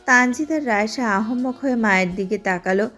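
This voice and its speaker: A woman giving steady, scripted narration of an audio drama. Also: fairly high pitch, a little fast, faint music behind. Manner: steady storytelling.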